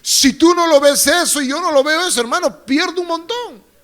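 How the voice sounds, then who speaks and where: A man's voice: very high voice, moderate pace, sharp tone. A pastor preaching a sermon to his congregation. He preaches with fervor, gets the congregation to repeat phrases after him and throws in joking asides. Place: church.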